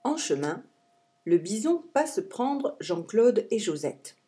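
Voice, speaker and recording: A woman narrating a children's story in a calm, expressive way. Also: mid-range voice, takes it slowly.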